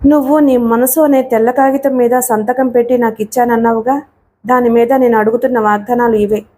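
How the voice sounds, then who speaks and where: A woman reading the lines of a sorrowful young woman who speaks quietly in an audiobook story. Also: fairly high pitch, steady tone, brisk, natural voice. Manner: quiet, hushed.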